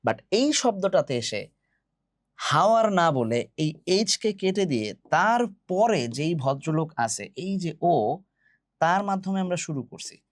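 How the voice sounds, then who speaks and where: A man's voice: high voice, sing-song, unhurried, no room sound, studio quality. A man teaching English grammar, explaining step by step and quizzing his students with questions. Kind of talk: classroom grammar lesson.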